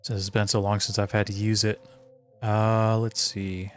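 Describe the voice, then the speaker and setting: An indie game developer streams live while working, chatting casually and thinking aloud in a hesitant, self-directed way. His voice is on the low side, level in tone and measured in pace. Music plays in the background.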